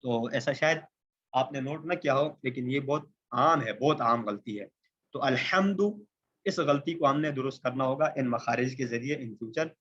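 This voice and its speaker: A man from Pakistan teaching a tajweed lesson, explaining step by step, checking in with the listener often and slowing down for Arabic terms. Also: medium pitch, a bit bright, breathy edge. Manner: explanatory, repeats points with "ٹھیک ہے" checks; slows down for Arabic terms and examples. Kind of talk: recorded Quran recitation lesson. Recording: slightly dull lo-fi recording.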